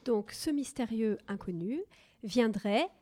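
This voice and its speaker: A woman's voice: fairly high pitch, expressive, slow pace, warm tone. A woman co-hosting a mock documentary, prompting with brief questions. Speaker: co-host.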